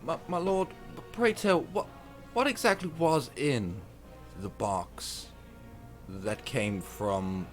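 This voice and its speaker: A man's voice: medium pitch, extremely slow, long pauses, voice pushed up. A man playing a deferential soldier in a tabletop game, respectful and hesitant before his lord. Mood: wary, deferential. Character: deferential armored soldier serving an inquisitor. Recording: music playing behind the voice.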